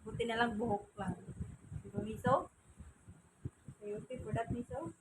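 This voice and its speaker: A woman's voice: fairly high pitch, normal speed, noisy background. A woman with a Filipino accent talking to her pet in teasing, cooing baby talk while drying it. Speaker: pet owner vlogger. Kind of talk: casual chat to her cat while drying it. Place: home, by a fan.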